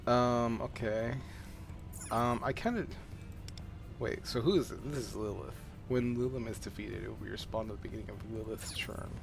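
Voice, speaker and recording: A man's voice: on the low side, normal speed, creaky. A man giving casual, rambling, self-deprecating gameplay commentary as he plays, in the manner of a gaming video creator. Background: game music, mouse clicks.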